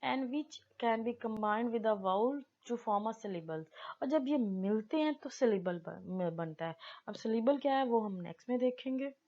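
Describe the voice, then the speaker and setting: A woman teaching basic grammar, explaining in Hindi-Urdu and slowly reading definitions aloud. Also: on the high side, lively intonation, mellow, muffled recording. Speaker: English teacher.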